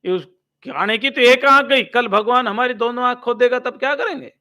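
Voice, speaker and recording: A swami giving a slow, measured religious discourse, chanting Sanskrit verses and explaining each one. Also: male voice, extremely high pitch, pushed and bright.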